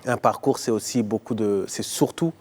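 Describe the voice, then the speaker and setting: A man from Congo, raised in Belgium and Ivory Coast, speaking as an entrepreneur guest on a talk show in a measured, thoughtful way with frequent hesitations. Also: fairly low pitch, darkish tone.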